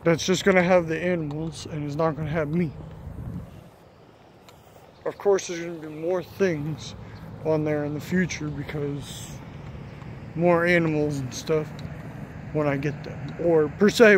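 A young man rambles through a casual vlog, short of breath and repeating himself. His voice sits slightly high. Faint outdoor hum and passing traffic sit behind him. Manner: rambling, repeats "of course" constantly. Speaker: vlogger.

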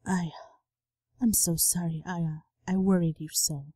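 Remorseful father, hushed and low, voiced by a woman, slow delivery. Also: fairly even intonation, breathy edge, no echo, clean studio sound. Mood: sorry. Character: remorseful father, soft and apologetic. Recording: game music underneath.

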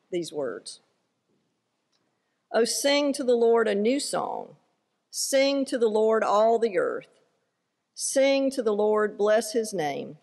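A woman pastor delivering a sermon and scripture reading in a measured, earnest way. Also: medium pitch, creaky, a little mellow. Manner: measured, earnest delivery with light self-deprecating asides. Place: church sanctuary. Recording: long hall reverb in a church.

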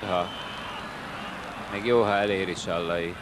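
A man giving excited, exclamatory live football commentary, partisan and urging the players on. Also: low voice. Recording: old TV broadcast over loud crowd noise. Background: loud stadium crowd.

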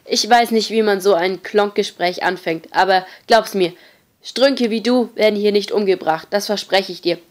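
Woman doing a gruff teen boss. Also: mid-range voice, moderate pace, close to an everyday voice. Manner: loud, barking orders. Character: gruff bossy teenage boy leader.

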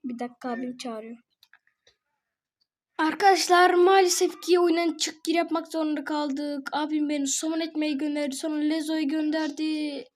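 A woman chatting playfully through a game, excitable and quick to laugh, calling her friend bro. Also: sits high. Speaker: gaming video host. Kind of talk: casual gameplay chatter.

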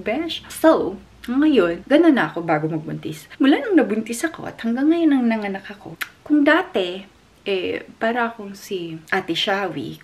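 A young woman from the Philippines, chatting casually to the camera in a vlog, emotional and quick to laugh. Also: medium pitch. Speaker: vlogger.

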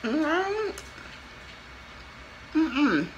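A woman with a relaxed drawl talks to her viewers with her mouth full, chewing between words. She sits at home in front of a camera, with steady background noise in the recording. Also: sits high, extremely slow, muffled recording. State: chewing while talking. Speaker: mukbang vlogger. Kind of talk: casual chat to viewers while eating. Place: home, indoors.

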